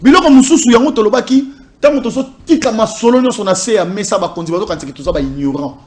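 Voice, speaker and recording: This party communication officer from Congo Central in DR Congo speaks emphatically in a political interview, switching between languages and hammering points home with repeated lists. His voice is high-pitched, quick and a little mellow.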